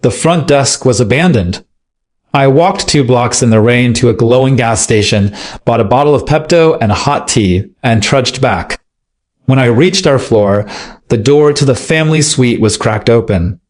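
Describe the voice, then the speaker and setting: A man reading a dramatic first-person story aloud as scripted narration, in a steady, measured way. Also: medium pitch.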